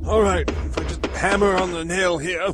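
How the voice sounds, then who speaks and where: A man playing a vain, excitable mad scientist with a pompous, melodramatic delivery in a comic horror parody audio drama. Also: high voice, moderate pace, heavy background noise, close to an everyday voice. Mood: exasperated.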